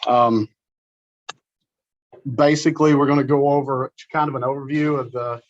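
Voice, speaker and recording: A middle-aged man giving an informal, animated conference talk, folksy and storytelling. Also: mid-range voice, normal speed, muffled recording. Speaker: conference presenter. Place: meeting room.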